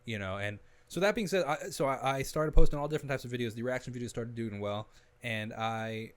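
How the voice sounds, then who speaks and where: A young man, a musician guest on a podcast, telling his story in a casual, animated way with frequent restarts. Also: medium pitch, fairly quick, clean tone. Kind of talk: casual conversation.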